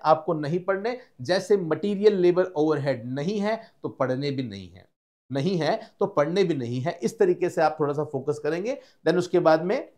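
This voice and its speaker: A man's voice: high voice, darkish tone. A man teaching an exam-prep lesson, walking through topics point by point and checking in with students as he explains. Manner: explanatory, lists topics, frequent "है ना" check-ins.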